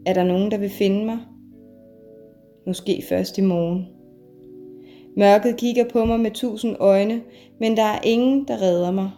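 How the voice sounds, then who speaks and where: A mother reads her own first-person story in a measured, heavy way. Her voice is mellow and dark, and soft guitar music plays underneath. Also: mid-range voice, fairly even intonation. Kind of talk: scripted first-person narration.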